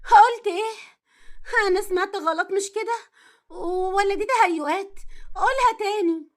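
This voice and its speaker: A woman voicing a lively, stubborn young wife with an Egyptian accent, teasing and emotional, in a storytelling drama. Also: very high voice, fast. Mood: frantic. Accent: Egyptian Arabic.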